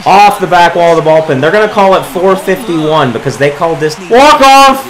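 A man giving excitable gameplay commentary, calling home runs like a sportscaster as he plays. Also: on the high side, a little fast, low-quality recording. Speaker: gaming video creator.

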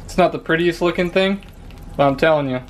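A young man talking a viewer through cooking at home, relaxed, with lots of fillers, on a camera mic at a distance. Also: on the high side, fairly quick, slight background noise. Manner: relaxed, talking while working, many fillers. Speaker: vlogger. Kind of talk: casual cooking narration. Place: home kitchen, indoors.

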